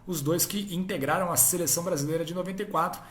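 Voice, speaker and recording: A man's voice: high voice, fast, a bit bright, echoey room. A man hosting a casual football history talk, chatty and often ending his points with tag questions. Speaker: host.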